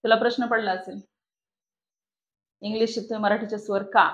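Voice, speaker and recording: In a muffled recording, a woman with a medium-pitched voice and fairly even intonation delivers a shorthand lesson at a moderate pace. The classroom includes online students, and she asks questions of the class only to answer them herself.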